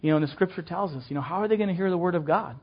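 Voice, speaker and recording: An older man leads a class for church teachers, talking in a folksy, chatty way with plenty of "um"s and restarts. His voice sits a little high for a man, and the recording sounds dull and lo-fi. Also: rapid-fire, husky. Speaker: children's ministry teacher. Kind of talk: casual teaching talk to a class.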